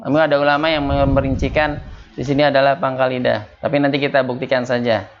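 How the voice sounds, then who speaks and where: A man's voice: mid-range voice, little pitch movement, fast, dull audio. A man teaching Quran recitation rules at a home study circle, patiently drilling Arabic letters and quizzing his students.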